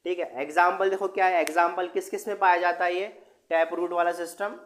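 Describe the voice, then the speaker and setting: A young male teacher with a slightly high voice, explaining a lesson to students step by step. He asks a question again and again, then answers it himself. He mixes English words into his explanation. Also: fairly even intonation, brisk, a bit bright, slight background noise. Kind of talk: online class lesson.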